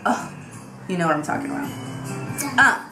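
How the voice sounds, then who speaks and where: A woman's voice: fairly low pitch, moderate pace, music in the background. Chatty young woman in a roomy bedroom. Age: 20s. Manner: chatty, animated, frequent fillers. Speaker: beauty vlogger. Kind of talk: casual tag video chat. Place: small bedroom with vanity, indoors.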